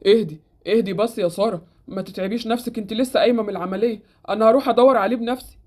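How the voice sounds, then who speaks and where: A woman voicing a worried young husband with an Egyptian accent. She lowers her voice and speaks urgently to calm his wife. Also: very fast, natural voice. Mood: soothing. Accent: Egyptian Arabic. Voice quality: deepened, pushed-down voice.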